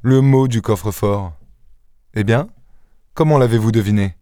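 A man's voice: fairly low pitch, normal speed, warm tone, dry recording, studio quality, natural voice. A man reading an audiobook voices the curious first-person narrator who questions the thief.

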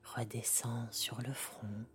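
A woman softly guiding a sleep meditation like a sleep story narrator, half-whispering in a calm, gentle, unhurried way. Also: rumbling low. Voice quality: soft, breathy, half-whispered. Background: music.

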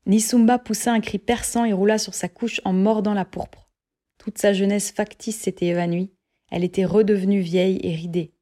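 A woman narrating a literary audiobook in a measured, even reading voice. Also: mid-range voice.

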